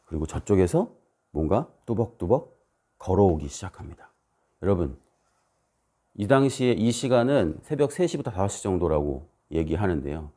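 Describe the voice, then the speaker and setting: A man preaching a sermon as a missionary, telling stories and acting out the voices and shouts in them. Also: sits low, big pitch swings, normal speed, breathy edge. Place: church.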